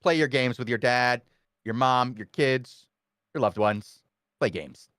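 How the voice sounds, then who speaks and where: A man hosts a live stream, sounding a bit blocked up, as he cheerfully reads chat and guides his team. His voice sits at a middle pitch and is recorded close and dry, with no room sound. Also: unhurried, a bit bright, smooth, no echo. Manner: upbeat, reads chat aloud and coaches teammates. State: stuffy nose. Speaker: stream host.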